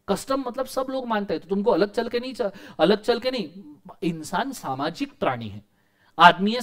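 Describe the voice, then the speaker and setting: A man with an Indian accent giving a lively law lecture to students, often checking if they follow and acting out little quoted lines. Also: sits high. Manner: animated, asks questions, acts out quotes. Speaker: teacher.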